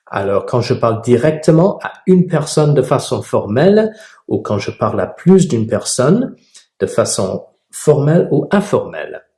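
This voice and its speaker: A man teaching a French grammar lesson, slowly drilling verb forms and clearly articulating each one. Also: medium pitch, warm tone, reverberant. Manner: clearly articulated, repeats each form, emphatic rises on key words. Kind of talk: slow, deliberate grammar lesson with drilled examples.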